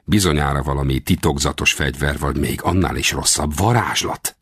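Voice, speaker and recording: A man reading a first-person adventure novel as an audiobook, expressive and lifting his voice for shouted dialogue. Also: a bass voice, breathy edge, no room sound, clean studio sound. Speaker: audiobook narrator.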